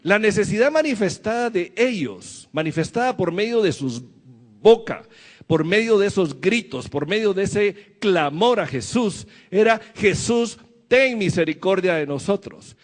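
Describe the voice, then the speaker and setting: A man's voice: sits high, animated, unhurried, big-room sound. A man preaching a sermon to his church, asking the congregation questions as he goes. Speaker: pastor.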